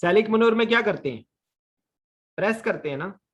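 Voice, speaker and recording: A man's voice: high-pitched, lively intonation, moderate pace, husky. A man teaching an online anesthesia lesson, quizzing his students and mixing English medical terms into his speech. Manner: questions students, mixes English terms into Urdu.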